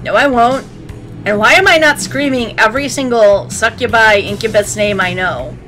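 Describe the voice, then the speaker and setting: A woman's voice: on the high side, normal speed, a bit bright, rough recording. A woman hosting a let's play, reading game narration aloud with playful, sassy commentary. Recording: faint game music behind. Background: game music.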